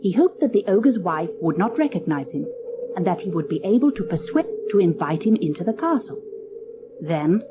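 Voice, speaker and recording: A woman narrating a children's fairy tale from a storybook cassette in a measured, expressive reading. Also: on the low side, background noise.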